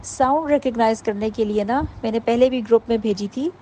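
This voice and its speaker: A woman giving an informal workshop talk to mothers, explaining patiently and sounding out letters slowly. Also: a little high, mellow, a little hiss or hum, rough recording. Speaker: parenting workshop teacher.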